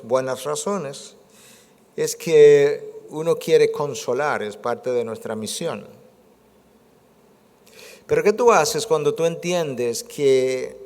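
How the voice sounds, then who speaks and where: Male pastor, 60s, sermon delivery, rhetorical and emphatic, mid pitch, reverberant church hall. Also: a little mellow. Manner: rhetorical questions and repeated phrases, building emphasis. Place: church sanctuary.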